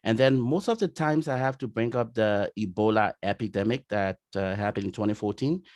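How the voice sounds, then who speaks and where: Low-voiced Liberian man in interview. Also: brisk, no room sound, studio quality. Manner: warm-hearted, many fillers like "you know". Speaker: interview guest. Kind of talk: casual interview.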